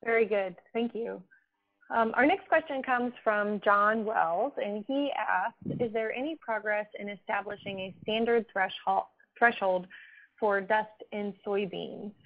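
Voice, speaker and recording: A woman hosting a webinar reads out audience questions and politely passes them to the panelists. Her voice sits at a medium pitch and comes through a narrow, phone-like line. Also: unhurried. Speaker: webinar moderator. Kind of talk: moderating webinar Q&A.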